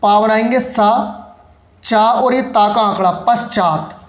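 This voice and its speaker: A man's voice: high voice, unhurried. Patient man teaching shorthand strokes. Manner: patient, explains each stroke while writing. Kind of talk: step-by-step shorthand lesson. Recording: echoey room.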